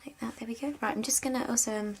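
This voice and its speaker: A woman playing a hairdresser in an ASMR roleplay, talking in a soft, slow, gentle whisper with occasional spoken lines. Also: on the high side, steady tone, slight background noise.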